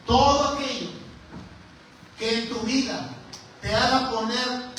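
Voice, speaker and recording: A Mexican man preaching an animated, conversational sermon in a church hall, calling the congregation to repeat after him. His voice sits high and rings through the room. It is picked up from a distant mic, with background noise underneath. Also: slow. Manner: animated, conversational, leads call-and-response.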